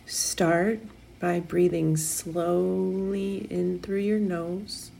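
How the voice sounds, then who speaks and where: This woman's fairly low voice carries heavy creak at its edges as she guides a meditation, flat in delivery. She offers gentle instructions very slowly and soothingly, separated by long pauses, while soft music plays behind her.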